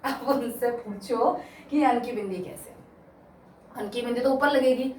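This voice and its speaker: A woman's voice: on the high side, measured pace, darkish tone, distant mic, a little hiss or hum. Haryanvi woman teaching in an echoey room. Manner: emphatic, repeats key words, addresses listeners as children. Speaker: Hindi teacher. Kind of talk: exam-prep lesson to students.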